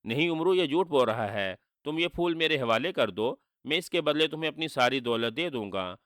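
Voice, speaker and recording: A man's voice: a little high, lively intonation, normal speed, a bit bright, no room sound, studio quality. A man doing a gloating sorcerer villain. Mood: pleading, wheedling. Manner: gloating, taunting with read-out laughter. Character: boastful male sorcerer villain, mocking and cruel.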